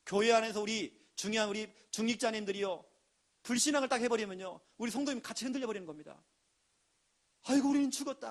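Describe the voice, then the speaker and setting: A man preaching a sermon in a lively, emphatic way, now and then acting out quoted voices. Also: sits high. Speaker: pastor.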